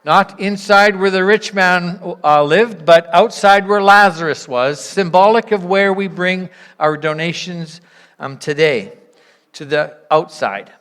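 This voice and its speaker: A church leader speaks unhurriedly to the congregation in a mid-range, slightly bright voice, sharing instructions and reflection in a way that encourages, invites and explains. The setting is a church gathering in a large, reverberant room, and the recording echoes like a hall.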